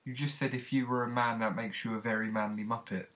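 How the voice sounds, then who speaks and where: A man's voice: mid-range voice, fairly even intonation, fast talker, a bit bright. A man co-hosting a casual comedy chat about films, with dry, wry banter. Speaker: co-host.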